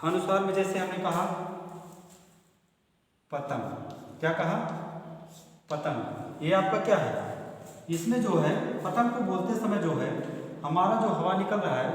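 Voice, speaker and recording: A man's voice: sits high, a little fast. A man teaching a grammar lesson who asks questions and answers them himself, repeating key terms. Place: classroom or school hall. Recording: strong echo, long hall reverb.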